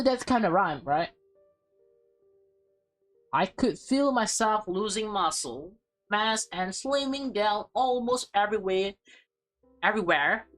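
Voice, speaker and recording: Playing host in a let's play, this woman reads a visual novel aloud expressively, now and then dropping casual asides. She speaks in a mid-range voice.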